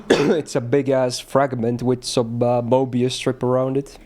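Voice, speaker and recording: A man's voice: medium pitch, steady tone, a little slow, a little mellow, slight background noise. A male streamer chatting casually with his viewers, loose and rambling, often laughing and swearing.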